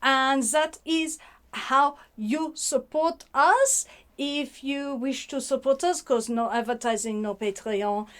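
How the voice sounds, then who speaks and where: Lady chatting about books, high voice, takes her time, lots of uhs and little words. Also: fairly bright tone, clear, resonant tone. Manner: sprinkles French words, halting with many fillers. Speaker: book reviewer host. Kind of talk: casual book review vlog.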